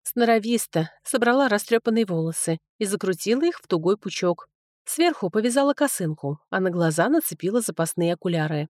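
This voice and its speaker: Expressive woman narrating an audiobook. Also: mid-range voice, a little fast, no echo, studio quality. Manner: lively, expressive storytelling. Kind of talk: first-person audiobook narration.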